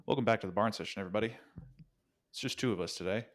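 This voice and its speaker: Male podcast co-host, low-pitched, easygoing and opinionated. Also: very fast. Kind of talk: casual sports podcast chat.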